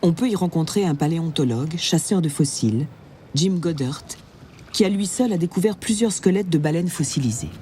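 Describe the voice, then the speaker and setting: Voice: mid-range voice, animated, brisk, mellow, a little hiss or hum. A narrator reading a scripted nature documentary narration. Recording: music behind the voice.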